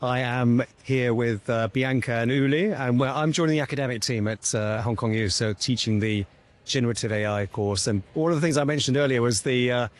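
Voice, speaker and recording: A man's voice: medium pitch, a little fast. A man in his fifties talks in an easy, chatty way in an interview. His voice sits in a middle range, and he jokes about himself as he explains his background. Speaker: lecturer. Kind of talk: casual interview answers.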